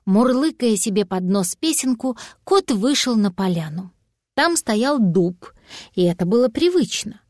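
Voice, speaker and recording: A woman reads a storybook aloud with lively expression. Her voice sits fairly high and the sound is dry and close, with no room around it. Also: dry recording. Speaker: narrator. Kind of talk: storybook reading.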